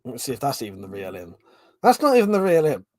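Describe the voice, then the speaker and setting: On a dry, studio-quality recording, a medium-pitched man speaks quickly. He is in his forties, live streaming from a home room, where he reads comments aloud and keeps up lively banter full of swearing and laughter.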